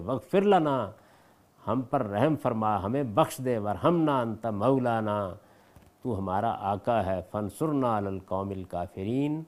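A man giving a scholarly commentary on scripture in a measured, formal way, slowing to recite each verse before he explains it. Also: mid-range voice, darkish tone. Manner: slows to chant the verses in Arabic, then explains them in Urdu. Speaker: Quran commentator.

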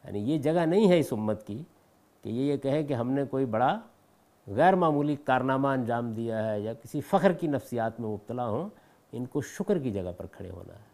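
Man, scripture lesson, formal and measured, slow recited verses, mid-pitched voice. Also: lively intonation, dark tone. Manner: slows to chant the verses in Arabic, then explains them in Urdu; measured, formal explanatory delivery. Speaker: Quran commentator. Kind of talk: scholarly scripture commentary.

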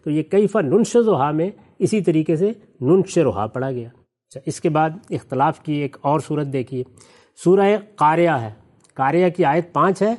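A male religious scholar giving an explanatory lecture, patient and measured, slowing down to recite Arabic verses. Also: fairly high pitch, a little mellow.

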